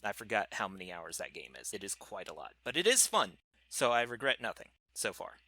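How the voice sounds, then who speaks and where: Casual podcast co-host, male, lowish voice with a crisp bright edge. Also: very animated, brisk, no echo. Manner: rambling, self-correcting gamer talk. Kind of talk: casual chat.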